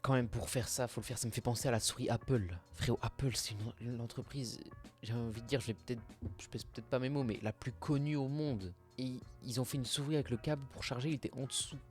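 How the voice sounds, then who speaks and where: A man's voice: medium pitch, fairly even intonation, quick pace, a little mellow, soft background music. Slangy young man reacting with exasperation. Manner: slangy, exasperated, mumbles asides. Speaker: reaction video host. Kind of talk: casual reaction commentary.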